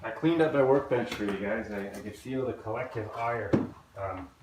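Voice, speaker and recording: In a very noisy recording, a man with a mid-range voice at normal speed casually narrates his work on an old outboard engine in his home workshop. His talk rambles and hesitates, full of restarts, fillers, and ums.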